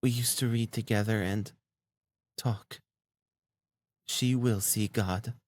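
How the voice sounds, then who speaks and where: A man's voice: on the low side, steady tone, slow, dry recording. A man voicing a timid young woman who stammers and speaks breathlessly, raised well above his own voice. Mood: tender.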